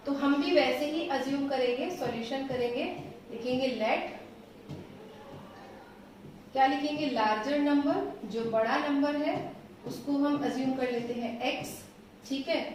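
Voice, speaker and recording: A woman math teacher explaining solutions step by step, patient and reassuring, slowing down as she writes. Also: high voice, a little hiss or hum. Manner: patient, reassuring, slows down while writing. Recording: echoey room, voice from a distance.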